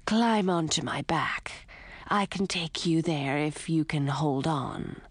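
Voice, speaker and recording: A woman voicing a calm, protective male snake with a hushed, whispery voice in an audiobook. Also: low-pitched, husky, dry recording, pitched below the performer's own voice, exaggerated voice. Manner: slow, quiet, measured. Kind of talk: audiobook character voice.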